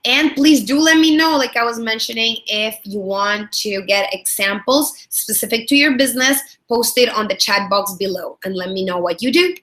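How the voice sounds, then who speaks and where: With a slightly high, a-bit-bright voice, she keeps a moderate pace and barely pauses. She's a thirtysomething woman from El Salvador, a product strategist and trainer, running a friendly webinar training on business in a Salvadoran Spanish accent, full of fillers and repeated words.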